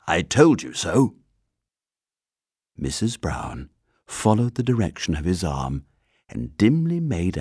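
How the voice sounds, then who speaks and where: A man reading a children's storybook aloud in an expressive storytelling manner. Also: on the low side, husky, no room sound, studio quality. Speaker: narrator.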